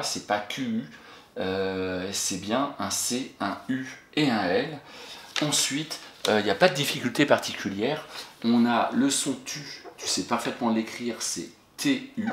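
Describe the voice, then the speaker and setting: Male primary teacher, animated and encouraging, spells words out slowly, echoey room with light hiss. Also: mid-range voice. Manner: encouraging, talks to an absent pupil and pauses for answers. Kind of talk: recorded spelling lesson for a child. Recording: echoey room with faint noise.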